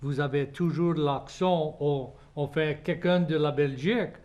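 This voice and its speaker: A man's voice: fairly high pitch, steady tone, a little slow, darkish tone, lo-fi sound. A man hosting an interview, answering with short replies and asking curious questions. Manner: brief affirmations and curious questions. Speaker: host. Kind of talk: casual conversational interview.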